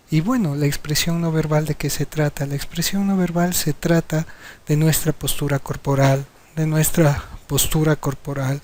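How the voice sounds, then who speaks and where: A man's voice: fairly high pitch, darkish tone. A middle-aged man, a psychiatrist, giving a lecture on communication and acting out different tones of voice as examples. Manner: demonstrative, acts out tones of voice as examples. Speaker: psychiatrist teaching a hypnosis course.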